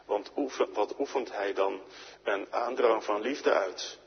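A man's voice: fairly low pitch, unhurried, breathy edge. A man preaching a sermon in a church, pleading and rising to emphatic climaxes, acting out dialogues between sinner and Jesus. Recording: lo-fi church radio broadcast with long reverb.

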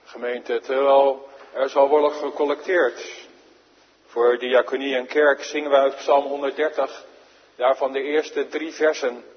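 A man leading a church service, announcing in a slow, formal, unhurried way. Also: mid-range voice, flat delivery. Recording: dull, echoey church hall recording.

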